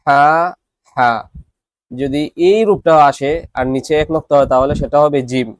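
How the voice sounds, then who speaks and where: A man teaching Quran reading, patiently explaining and slowly reciting letter names. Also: on the high side, no echo. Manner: patient, repetitive instruction. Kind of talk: classroom-style recorded lesson.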